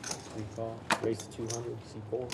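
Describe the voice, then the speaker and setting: A man dealing poker, giving clipped, quiet table calls. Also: mid-range voice, monotone, measured pace, creaky, heavy background noise. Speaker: poker dealer.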